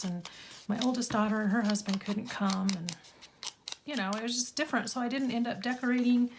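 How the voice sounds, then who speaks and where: A middle-aged woman, a little croaky, chatting casually and rambling as she crafts in her home studio, laughing at herself often. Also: a little high, background noise. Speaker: craft channel host. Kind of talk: casual chat while crafting.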